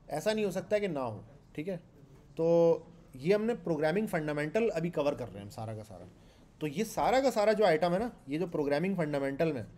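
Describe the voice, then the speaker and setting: Pakistani guy teaching a coding class, fairly high pitch but mellow, keeps asking the students stuff and saying things twice. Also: slight background noise. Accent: Pakistani Urdu. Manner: conversational, asks the class questions and repeats points. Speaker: programming instructor. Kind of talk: classroom lecture.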